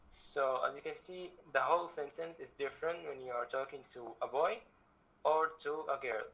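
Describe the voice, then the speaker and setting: A young Egyptian man, appearing as a guest language teacher, leads an online workshop over a video call. His mid-range voice is bright and forward, and he explains patiently, circling back and restarting as he works through examples. The recording quality is low.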